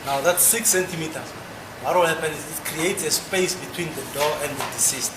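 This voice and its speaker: Higher-pitched male expert witness, echoey courtroom. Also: fairly quick. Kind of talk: formal explanatory testimony under cross examination. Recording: echoey, noisy courtroom recording.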